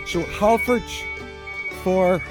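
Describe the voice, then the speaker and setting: A Northern Irish man chats casually to his vlog in a fairly high voice. He rambles, drifting off and switching track halfway through a thought, with very loud music mixed over him. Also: very slow. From Northern Ireland. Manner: rambling, trailing off and changing track mid-thought. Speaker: travel vlogger.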